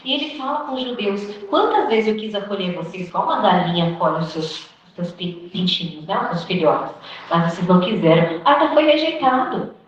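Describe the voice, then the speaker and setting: A woman's voice: medium pitch, sing-song, a little fast. A Brazilian woman with a Brazilian Portuguese accent giving an informal sermon to a women's group, chatty, acting out quoted dialogue and often adding "né?". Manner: conversational, acts out quoted dialogue, frequent "né?" tag questions. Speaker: women's ministry teacher. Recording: echoey room, distant mic, dull lo-fi sound.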